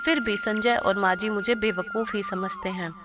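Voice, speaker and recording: A woman's voice: medium pitch, animated, normal speed, lightly acted. A woman voicing a naive, literal-minded young daughter-in-law in a cartoon story, asking innocent questions. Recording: cartoon voice over loud music.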